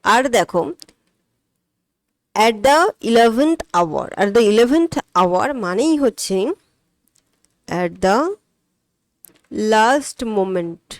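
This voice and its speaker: A woman teaching an English exam-prep lesson. She explains each answer step by step, poses questions and answers them herself, and reads the English items slowly. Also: mid-range voice, lively intonation, dry recording.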